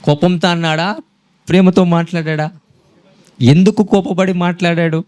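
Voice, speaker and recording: A man's voice: sits high, normal speed. A man preaching a sermon, quizzing the congregation and mixing in English phrases. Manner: animated preaching, quizzing the congregation, switching between Telugu and English.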